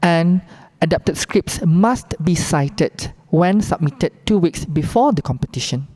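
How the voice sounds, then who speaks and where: A woman with a Malaysian accent explains rules in a briefing. Her voice is soft-edged and mellow, sitting slightly low, and she goes through things instructively, point by point. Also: expressive, slow. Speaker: competition briefing presenter.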